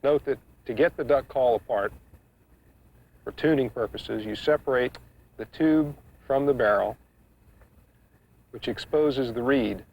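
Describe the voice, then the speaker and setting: A man giving an instructional demonstration, explaining each step in a measured, practical way. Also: mid-range voice, gravelly. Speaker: duck calling instructor. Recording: muffled, dull 1990s instructional video sound.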